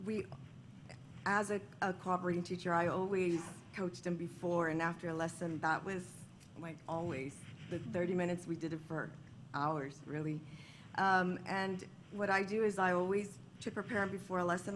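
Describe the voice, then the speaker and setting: A woman's voice: on the low side, slight background noise, low-quality recording. Nervous, chatty woman teacher on a panel. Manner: nervous, chatty, with fillers and restarts. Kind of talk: unscripted panel answer.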